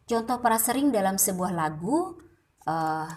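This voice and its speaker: A woman's voice: medium pitch, expressive, a little mellow. A woman teaching a music class, explaining terms step by step and now and then singing a short phrase to show them. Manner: explains slowly, sings short demo phrases. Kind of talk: slow explanatory class lesson.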